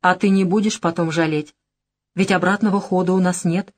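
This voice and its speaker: A woman voicing a calm, menacing male gangster boss who speaks softly and composedly. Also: on the low side, fairly quick, lightly acted. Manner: soft and composed.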